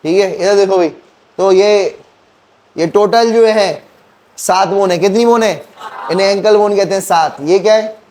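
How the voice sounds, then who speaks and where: Man, teacher, high pitch, mellow tone, classroom quizzing. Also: a little slow, pauses often. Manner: quizzing students, counting bones aloud. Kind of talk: classroom lecture with call-and-response questions.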